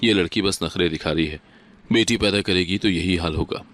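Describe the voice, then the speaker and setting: A man's voice: deep voice, fairly bright tone. A man reading the lines of a harsh, taunting mother-in-law in a storybook narration. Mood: scornful. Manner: taunting, contemptuous. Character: harsh scolding mother-in-law, older woman.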